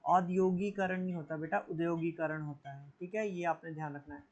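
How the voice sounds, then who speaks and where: A man teaching an exam prep lesson, calling students "beta" and repeating each correction with a quick "theek hai". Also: on the high side. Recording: dull lo-fi recording.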